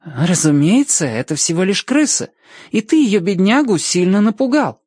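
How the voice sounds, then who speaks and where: Man doing young woman, high, lilting, prim, stubborn, storybook figure, dry close sound. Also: very animated, unhurried, a little mellow, no echo, full character voice. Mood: reproachful. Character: odd pale young woman, calm and stubborn.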